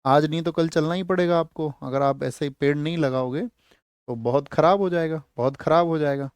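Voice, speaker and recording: A man's voice: fairly high pitch, brisk, smooth, no echo. Man teaching with repeated quiz questions. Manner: quizzes students and answers his own questions; repeats key words for memorising. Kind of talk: exam-prep lecture with memory tricks.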